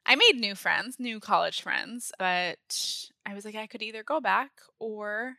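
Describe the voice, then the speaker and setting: A woman's voice: medium pitch, measured pace, creaky, pushed and bright, dry recording, clean studio sound. A young woman from Maine, a guest on a podcast, talking casually and laughing often. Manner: laughs often, says "like" a lot. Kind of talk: casual interview talk.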